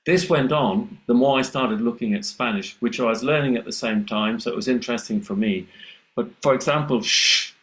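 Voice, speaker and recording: An Englishman presenting a webinar as a teacher trainer, explaining and demonstrating speech sounds aloud in an animated way over a video call. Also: medium pitch, low-quality recording.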